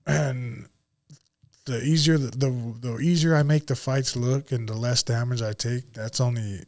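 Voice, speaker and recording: Appearing as a guest on a podcast, a Utah-born MMA fighter in his late thirties keeps things casual, slangy and profane. He speaks a little slowly in a mid-range, darkish voice with fairly even intonation.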